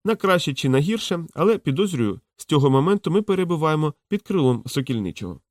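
A man's voice: on the high side, sing-song, a little mellow, dry recording, clean studio sound, voice pushed up. A man doing a glib young thief. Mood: wry. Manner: quick, glib, exclamatory. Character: quick-witted young male thief, glib talker.

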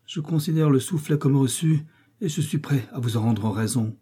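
A man's voice: medium pitch, moderate pace, warm tone, husky, pitched above the performer's own voice, lightly acted. A man reading the part of a chained villain, talking in a contemptuous, sneering way in an audiobook.

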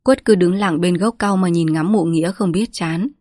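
A woman's voice: fairly low pitch, moderate pace, dark tone, no echo. Woman reading a village story, dry close sound. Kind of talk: scripted story narration.

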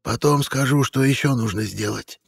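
A man voicing an old woman herbalist in an audiobook, fretful and fussing, talking slowly and softly. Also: mid-range voice, gravelly, husky, dry recording, studio quality, in a large hall, pitched above the performer's own voice. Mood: instructing. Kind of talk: audiobook character voice.

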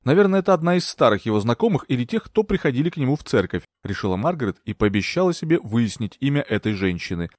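A man reading a novel aloud as a narrator, expressive and dramatic. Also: mid-range voice, fast, hardly any pauses, no room sound, clean studio sound. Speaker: audiobook narrator. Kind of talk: scripted narration.

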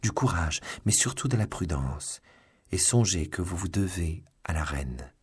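A man's voice: low-pitched, expressive, unhurried, husky, exaggerated voice. A man doing an anxious young woman. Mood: urgent. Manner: urgent, worried. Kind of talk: audiobook reading.

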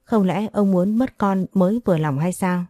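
A woman's voice: medium pitch, moderate pace, warm tone, no room sound, faint music behind, natural voice. A woman reading the lines of an ailing older mother in a storybook narration, pleading and scolding.

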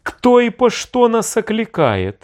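A man's voice: extremely high pitch, wildly swooping pitch, measured pace, darkish tone, pitched above the performer's own voice, exaggerated voice. A man voicing a suspicious, scornful male envoy in an audiobook, speaking warily and cursing. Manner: wary, cursing. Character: suspicious older male envoy behind a door.

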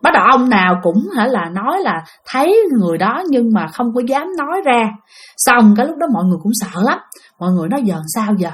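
A woman's voice: fairly high pitch, fast talker. A woman with a Southern Vietnamese accent casually narrating a ghost story, addressing her listeners directly. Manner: lively, animated retelling addressing listeners.

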